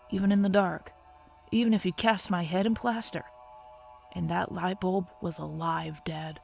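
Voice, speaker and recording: A woman voicing an uneasy, earnest teenage son in a scary story, with halting, gravelly speech. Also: mid-range voice, a little mellow.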